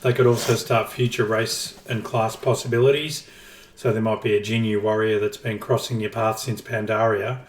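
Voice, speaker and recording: A man's voice: lowish voice, flat delivery, moderate pace. A man co-hosting a casual gaming podcast, explaining his ideas at length with dry jokes. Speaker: podcast co-host. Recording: roomy, distant from the mic.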